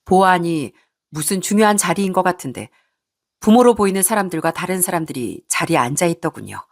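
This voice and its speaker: A woman narrating a scripted first-person drama story in a steady reading voice. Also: fairly low pitch, fairly quick.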